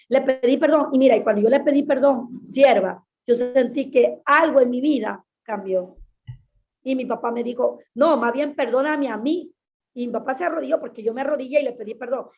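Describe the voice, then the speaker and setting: A woman's voice: a little high, fairly quick, vocal fry, a little mellow. A woman pastor giving an earnest, emphatic personal testimony in an interview, often repeating her phrases. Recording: dull lo-fi sound.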